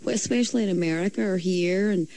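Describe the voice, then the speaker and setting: Speaking fast in a mellow, mid-range voice, a woman with a Derry accent from Northern Ireland rambles through a casual radio interview as a singer guest, full of fillers and restarts. There is no echo.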